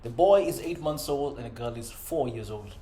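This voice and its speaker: A man's voice: medium pitch, lively intonation, normal speed, warm tone. Earnest father talking in an echoey room. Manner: earnest, conversational, frequent "you know" and "right?". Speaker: self-improvement vlogger. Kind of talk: reflective personal monologue. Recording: echoey room with faint ambient noise.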